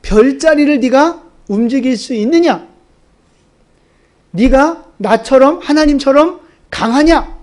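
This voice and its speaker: A man doing God, asking slow, commanding questions in a high voice. Each challenge lands with weight. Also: darkish tone.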